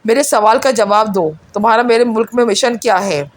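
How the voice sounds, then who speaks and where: A woman's voice: a little high, close to an everyday voice. A woman voicing a stern, ruthless male secret agent giving harsh, clipped orders.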